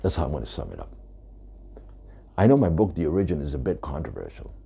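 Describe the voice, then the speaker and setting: Very deep gravelly man, emphatic. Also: huge pitch swings, fast, dark tone, highs cut off. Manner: emphatic, repeating points. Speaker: author. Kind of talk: talking to camera about his book.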